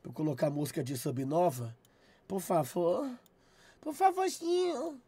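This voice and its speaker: A young man with a Brazilian accent, chatting on a live stream, loud and profane, shouting thanks at his chat. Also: high voice, animated, unhurried, breathy edge, no room sound. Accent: Brazilian Portuguese.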